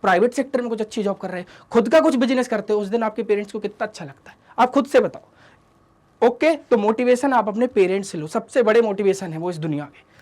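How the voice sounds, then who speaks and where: A man's voice: high voice, quick pace, a little mellow. A male teacher giving a motivational study talk to students, lecturing in a fatherly, scolding way with rhetorical questions and English catchphrases. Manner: scolding and fatherly, addresses listeners as "beta", asks rhetorical questions; mixes English catchphrases into the lesson.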